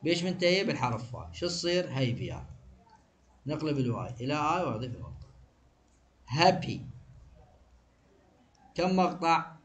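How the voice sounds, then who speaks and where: Iraqi man drilling grammar, raised pitch. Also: very animated. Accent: Iraqi Arabic. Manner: drills with quick questions he answers himself. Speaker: English teacher. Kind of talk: exam review lesson.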